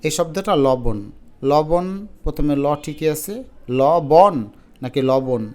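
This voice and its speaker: A man teaching an exam-prep lesson, pronouncing each word slowly syllable by syllable to model it. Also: on the high side, animated, a little mellow. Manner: drawn-out slow syllables when modelling words.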